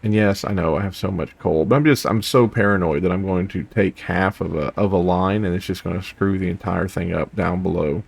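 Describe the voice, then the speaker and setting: In a casual let's play, a young gaming host talks in a low, creaky voice at a fairly quick clip, hardly pausing. He rambles through the game and hums to himself between thoughts.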